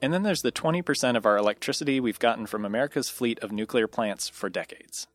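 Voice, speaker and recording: A man's voice: medium pitch, fast, soft background music. A man co-hosting a podcast, reading a scripted intro and bantering with a guest in a wry, joking manner. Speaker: podcast co-host.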